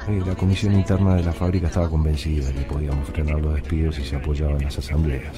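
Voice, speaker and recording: A fast-talking man with a bass voice and fairly even intonation, speaking with a Rioplatense Argentine accent, plays a troubled working-class factory worker in a radio drama. His first-person narration is slangy, brooding and reflective, with music in the background.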